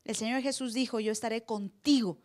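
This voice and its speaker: A woman pastor preaching a sermon live in church, acting out voices with sudden loud cries. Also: fairly high pitch, steady tone, fairly quick.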